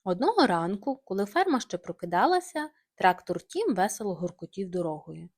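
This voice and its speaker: A woman narrating a bedtime story for children, gentle and expressive. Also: medium pitch, fairly quick, husky.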